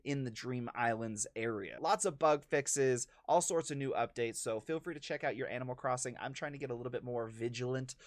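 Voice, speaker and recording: A chatty man runs through a casual gaming news update, tossing in personal opinions and asides. His voice sits in an ordinary middle pitch and comes across dry and close, with no room echo around it. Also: brisk, few pauses.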